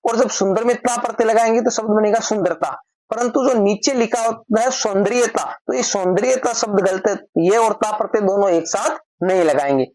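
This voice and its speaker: A man's voice: high voice, a little fast, darkish tone, dry recording, low-quality recording. A man teaching a recorded grammar lesson, explaining rules step by step and often repeating cues to move on.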